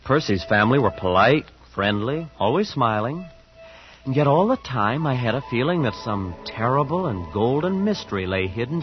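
A man's voice: medium pitch, close to an everyday voice. An actor playing a wide-eyed young man from a small town who tells his own story in an earnest, awed, shy way, in an old radio drama. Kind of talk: 1940s radio acting with first-person narration. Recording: muffled old radio recording with music behind.

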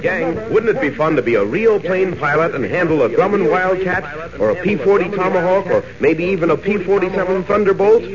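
A male announcer sells to youngsters in 1940s radio style. His voice is fairly high, eager and chummy. The sound is dull and vintage. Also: animated, fairly quick, hardly any pauses, a crowd in the background. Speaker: commercial announcer. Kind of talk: 1940s radio advertising pitch to children. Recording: muffled old radio broadcast recording.

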